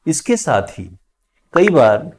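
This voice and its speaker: A man teaching an English grammar lesson, slowly drawing out each example word as he explains it. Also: a little high, very animated, darkish tone, slight background noise. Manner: slow, drawn-out spelling of example words.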